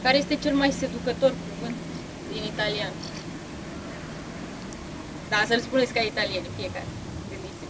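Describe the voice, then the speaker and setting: A woman interviewer asking quick questions and giving brisk instructions. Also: a little high, very noisy.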